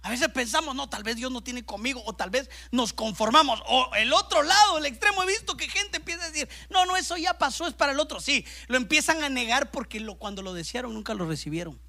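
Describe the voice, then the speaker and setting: Male pastor, bright and high voice, animated preacher, loud-to-hushed swings, addresses the congregation directly. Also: brisk, hardly any pauses. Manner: animated, swings between loud bursts and hushed asides, keeps calling listeners "hermano". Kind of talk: sermon. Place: church service with a congregation present.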